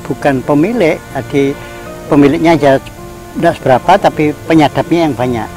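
A man's voice: a little high, normal speed, darkish tone, rough recording. Older village man, interviewee, plain agreeable answers, music underneath. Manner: plain, agreeable, with hesitant fillers. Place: outdoors on a wooden house porch in a village.

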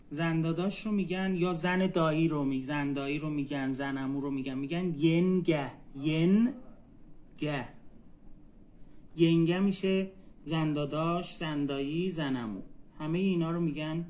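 Brief: male tutor, slightly high voice, drills vocabulary with slow repeats, patient one-on-one lesson. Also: a little mellow. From Iran. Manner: repeats words slowly, spells them out for a student. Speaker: Turkish language tutor.

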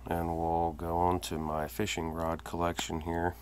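A man with a deep, monotone, slightly mellow voice speaks at a measured pace, with a little hiss or hum in the audio. Holding a phone camera himself, he gives a casual walkthrough of his cluttered home fishing workshop indoors. He lists things plainly and matter-of-factly, using hesitant fillers.

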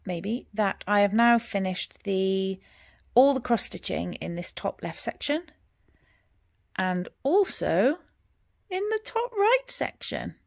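A woman's voice: mid-range voice, sing-song, takes it slowly, vocal fry, a little mellow, no echo, clean studio sound. Chatty woman murmuring over her stitching. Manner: chatty, rambling, drops to murmurs while counting stitches. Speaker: cross-stitch vlogger. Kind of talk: casual progress update. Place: home, at her stitching frame.

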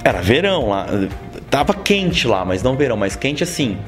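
In a casual studio interview, a Brazilian guest in his forties tells animated stories, his interior São Paulo accent peppered with "sabe?". He speaks at medium pitch and moderate pace into the interviewer's handheld mic, with soft music in the background.

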